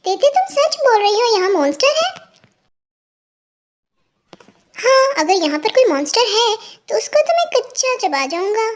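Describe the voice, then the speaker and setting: A woman's voice: very high voice, very animated, brisk. A woman voicing a protective young male mafia boss who fires off demanding, threatening questions in a fan fiction story. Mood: incredulous.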